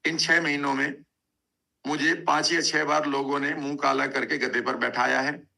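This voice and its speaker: A man voicing a friend who runs a business and answers in a calm, matter-of-fact way. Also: a little high, normal speed, creaky, exaggerated voice, rough recording. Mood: deadpan. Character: patient adult man friend running a business.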